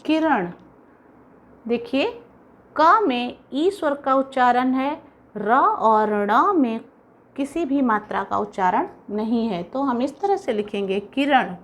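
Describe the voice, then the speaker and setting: A woman teacher slowly spelling out words sound by sound for young children, patient and instructive. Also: high-pitched. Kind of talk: slow, careful classroom dictation for young children.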